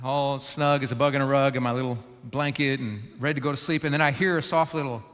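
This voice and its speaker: A man preaching a storytelling sermon, animated and self-deprecating, in a large church auditorium. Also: mid-range voice, quick pace. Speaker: pastor. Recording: long reverb of a large church hall.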